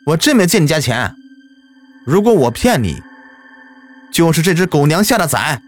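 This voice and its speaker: Storybook villain: a man doing a shifty middle-aged fur trader, pitched somewhat high, wheedling and hot-tempered. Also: sing-song, faint music behind. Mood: angry. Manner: wheedling, denying, quick to anger.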